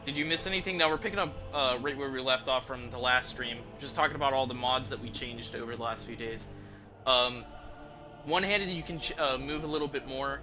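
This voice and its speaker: A gamer hosting a livestream chats to viewers without a script, rambling informally and explaining as he goes. His voice is mid-range and brisk, with music playing behind it.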